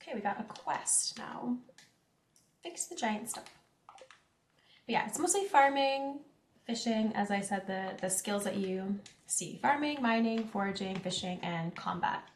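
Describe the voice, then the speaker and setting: Playing a farming game on stream, this young woman from central Canada chats with her audience, reads out chat and giggles between comments. Her mid-range voice is animated yet a little slow, echoing in the room over slight background noise.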